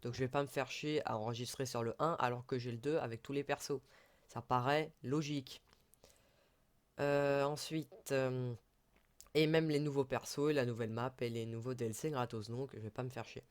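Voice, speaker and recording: A man talks through a casual introduction to his gaming channel at a home computer desk. His voice sits at an ordinary middle pitch. He rambles, pokes fun at himself and drops the odd swear word. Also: steady tone, moderate pace.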